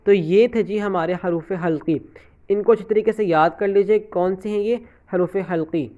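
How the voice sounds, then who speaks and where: A man's voice: high voice, warm tone. Patient guy teaching beginners, keeps repeating and asking then answering himself, says okay a lot, muffled lo-fi audio. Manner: patient, repeats points, asks and answers his own questions; often checks in with 'okay'. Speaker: Quran reading teacher. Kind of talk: recorded lesson for beginner students.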